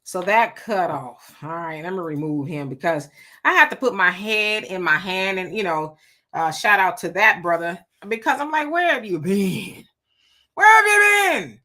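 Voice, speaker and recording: A woman's voice: lowish voice, expressive, moderate pace, pushed and bright. A woman hosting a casual political commentary show, chatty and sassy, thinking aloud with lots of asides.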